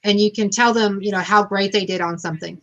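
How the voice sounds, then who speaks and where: A woman's voice: medium pitch, steady tone, fast talker, fairly bright tone, lo-fi sound. Agreeable woman teacher on a panel. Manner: agreeable, adds points with fillers. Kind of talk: conference panel discussion.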